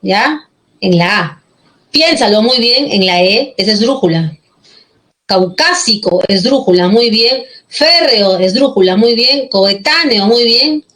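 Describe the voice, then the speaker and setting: Patient teacher, woman's higher voice. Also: lively intonation, slow pace, fairly bright tone, rough recording. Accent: Peruvian Spanish. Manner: patient, checks often with "¿ya?". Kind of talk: online class on accent marks.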